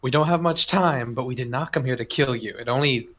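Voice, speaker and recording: A man's voice: mid-range voice, brisk, fairly bright tone, lo-fi sound. A man playing a tabletop role-playing game, chatting casually in a blunt, sweary way.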